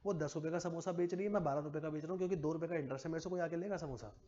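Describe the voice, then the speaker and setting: Brief: quick, slightly high male teacher, joking with the class, dull lo-fi room sound. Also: dark tone. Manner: chatty, teasing, asks the class questions. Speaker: commerce teacher. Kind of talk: classroom lecture.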